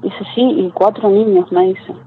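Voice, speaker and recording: A woman's voice: mid-range voice, fairly even intonation, measured pace. A woman, a caller telling a true story in a chatty way with lots of tag questions. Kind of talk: casual storytelling. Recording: tinny phone line with faint noise.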